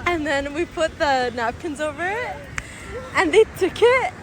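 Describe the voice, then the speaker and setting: High-pitched young woman, excitable slangy millennial chatter. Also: unhurried. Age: young adult. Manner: millennial-style slangy speech full of "like", "literally" and exclamations; switches between English and Arabic. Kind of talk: casual chat, vlogging with a friend. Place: outdoors on a public beach. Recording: noisy busy outdoor location, crowd around.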